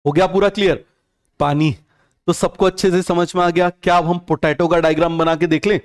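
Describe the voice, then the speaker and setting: A man's voice: fairly high pitch, fairly even intonation, a little fast. A young man teaching a biology lesson online. He keeps asking questions and answering them himself, repeats each term several times, and mixes English terms into Hindi. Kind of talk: online class lecture.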